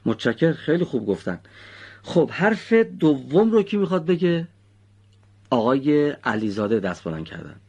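A man's voice: medium pitch, big pitch swings, darkish tone, husky. A male teacher patiently quizzing his pupils and praising their answers. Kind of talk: classroom teaching with questions to pupils.

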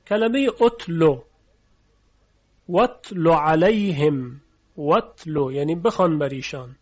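Patient man teaching, slightly high voice. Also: darkish tone, highs cut off. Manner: patient, repeats example words slowly. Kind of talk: explaining reading rules in a lesson.

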